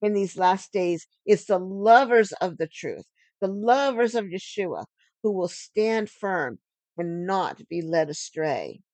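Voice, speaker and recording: A woman giving an earnest teaching sermon on scripture, stressing key phrases and slowing down for emphasis. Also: mid-range voice, expressive, darkish tone, dry recording. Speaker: Bible teacher.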